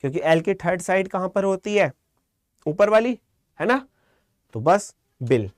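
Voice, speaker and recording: A man teaching a live online shorthand class, calm and encouraging, quizzing students by name. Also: high-pitched, unhurried, no echo, studio quality.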